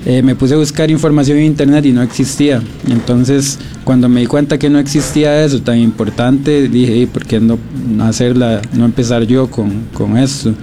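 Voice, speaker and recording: A Costa Rican man being interviewed about his beach project, speaking thoughtfully with many pauses and restarts. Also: medium pitch, fairly even intonation, dark tone, a little hiss or hum. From Costa Rica. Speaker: guest, beach documentary project creator. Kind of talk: radio interview, casual.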